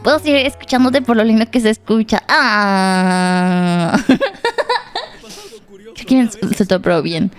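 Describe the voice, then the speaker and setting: A young woman giving casual gameplay commentary, laughing often, shouting at the game and reading pickup lines aloud. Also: a little high, lively intonation, moderate pace, pauses often, faint music behind. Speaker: streamer.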